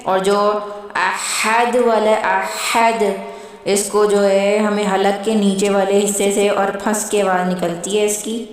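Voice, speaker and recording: A woman teaches recitation, chanting each verse slowly before explaining it in plain speech. Her voice sits at a middling pitch for a woman. The sound is heavily echoey and heard from some distance off the mic. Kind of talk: slow recitation lesson with explanation. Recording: very echoey room from far off.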